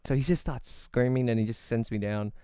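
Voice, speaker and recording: A teenage podcast co-host tells a story in casual fashion, his mid-range voice warm, smooth and fairly quick. The telling rambles loosely, with restarts, self-corrections and laughs along the way.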